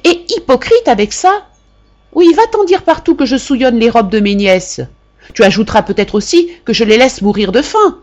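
Shrill scolding mother, as a woman reader puts her on. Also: very animated, moderate pace, mellow, husky. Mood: furious. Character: domineering, touchy middle-aged mother, quick to scold.

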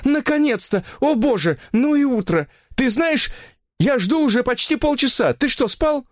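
A man's voice: very high voice, expressive, moderate pace, dry recording, clean studio sound, pitched above the performer's own voice. A man voicing a desperate, lovesick married woman who pleads and reproaches, in an audiobook story. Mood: pleading.

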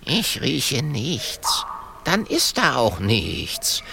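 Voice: mid-range voice, huge pitch swings, extremely slow, vocal fry, a little hiss or hum, exaggerated voice. A storybook narrator voicing a goat who insists he is a great wizard, speaking in a slightly raised, self-assured, lecturing tone. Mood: reassuring. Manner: indignant, sniffing, lecturing.

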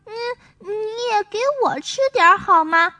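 Storybook gullible little boy played by a woman reader, eager, high bright voice. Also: normal speed. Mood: childish. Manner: eager, childish pleading.

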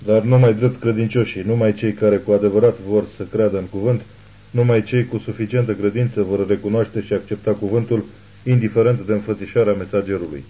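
A man voicing a zealous old woman who calls herself a prophet, speaking in a hushed but imperious way. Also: fairly low pitch, fairly even intonation, close to an everyday voice, poor audio. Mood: fervent preaching.

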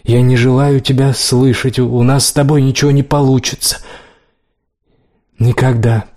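A man's voice: medium pitch, little pitch movement, normal speed, darkish tone, close to an everyday voice. A man voicing a hurt, defiant young woman in a love story, with pleading, tearful outbursts. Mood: cold.

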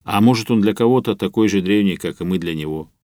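A man's voice: fairly low pitch, darkish tone, dry recording, studio quality, lightly acted. A man doing a kindly older professor. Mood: gentle. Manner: measured, reassuring, explanatory.

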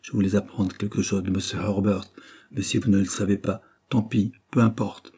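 A man's voice: lowish voice, steady tone, normal speed, mellow, breathy edge. A man voicing a fierce, scheming young foreign governess in an audiobook reading, speaking sharply and with menace. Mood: curt.

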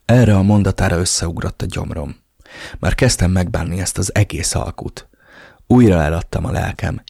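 A man narrating a first-person audiobook in a brooding, measured way. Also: deep voice, creaky, a little mellow, slightly rough, no echo, studio quality.

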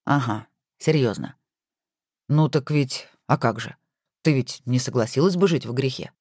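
A woman's voice: a bass voice, normal speed, darkish tone, breathy edge, no echo, studio quality, pitched below the performer's own voice. A woman voicing a grumbling, bantering husband in an audiobook. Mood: teasing. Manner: bantering, mock-grumpy. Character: teasing grumbling adult husband.

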